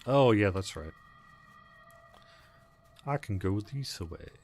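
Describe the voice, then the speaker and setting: Low-voiced man chatting on a game stream. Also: lively intonation, slow pace, darkish tone, faint music behind. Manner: easygoing, thinks aloud. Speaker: livestream host playing a game. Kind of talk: casual gameplay chat, answering viewers.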